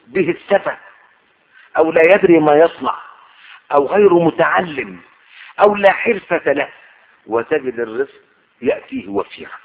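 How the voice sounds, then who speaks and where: A man giving an emphatic Quranic sermon and commentary, rising to fervent oaths. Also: on the high side. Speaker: preacher. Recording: tinny lo-fi radio broadcast.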